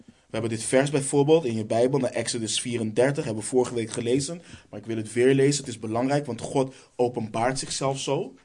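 A man's voice: mid-range voice, fairly even intonation, brisk, a little mellow. A man preaching a sermon, reading Bible verses aloud and answering his own rhetorical questions.

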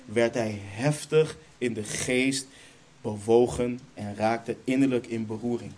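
A man's voice: mid-range voice, steady tone, slow pace, a little mellow. A man preaching a sermon in Dutch churches' style, stressing key lines emphatically, then leading a prayer.

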